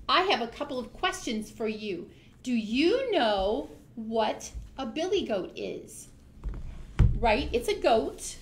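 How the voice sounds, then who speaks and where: A library storytime host with a high voice and vocal fry reads aloud to young children, adding asides, explaining things simply, and asking them questions. There is slight background noise.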